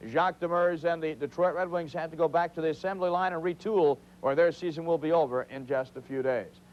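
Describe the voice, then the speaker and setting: A man's voice: fairly high pitch, steady tone, fairly quick. A man hosting a televised hockey intermission report from a studio, giving commentary on the games. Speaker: sports studio host. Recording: slightly noisy, dull old TV broadcast.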